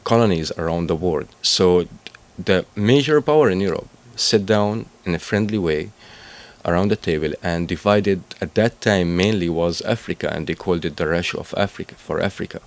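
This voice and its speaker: A man speaks in a very low voice as an interview guest. He explains at length, pausing to search for words and often restarting his sentences. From Palestine and Syria.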